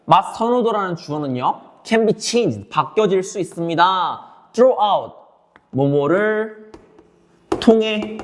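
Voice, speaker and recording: A male English teacher talks through a reading passage, asking his students questions and answering them himself. His voice sits a little higher than most men's. A faint hiss and a few clicks run under the recording. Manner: explains sentence by sentence, asks and answers his own questions; switches between English words and explanation, addresses students directly. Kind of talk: online exam lecture.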